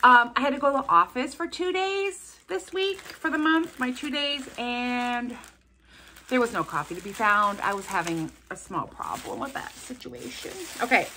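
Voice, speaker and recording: Unboxing gifts from subscribers, a woman vlogger chats casually to the camera, gushing and gasping at each one and rambling off into asides. Her voice is on the high side, animated, pushed and bright, at a moderate pace. A little background noise is present.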